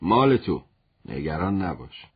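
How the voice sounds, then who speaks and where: Casual: guy doing a kind old dad, fatherly n generous, low husky voice. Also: sing-song, dull audio, full character voice. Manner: warm, fatherly. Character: kind older male shopkeeper father, generous.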